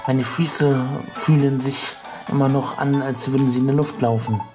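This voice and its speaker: A man's voice: mid-range voice, fairly even intonation, moderate pace, natural voice. A man voicing a timid, frightened little mole creature in a game, meek and trembling. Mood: relieved. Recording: loud game music behind.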